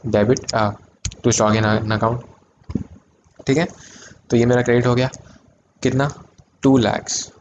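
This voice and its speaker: A man's voice: on the low side, lo-fi sound. Man, hindi-english teaching, rhetorical questions, emphatic outbursts, noisy background. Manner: asks students questions, then answers them himself; mixes Hindi and English, with sudden loud emphatic bursts. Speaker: commerce teacher. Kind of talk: classroom-style video lesson.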